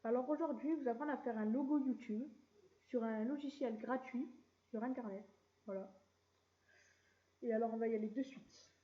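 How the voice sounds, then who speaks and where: A woman hosting a casual screen-recorded software tutorial, chatty and relaxed, with mild slang. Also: a little high, normal speed, long pauses, dull audio. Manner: chatty, relaxed, keeps saying "voilà" and drops mild slang. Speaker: tutorial channel host.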